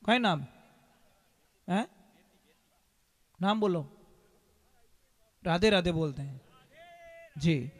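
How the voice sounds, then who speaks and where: High-voiced man preaching in a reverberant hall. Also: extremely slow, pauses often. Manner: acts out characters in a lively folksy way. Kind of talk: storytelling sermon.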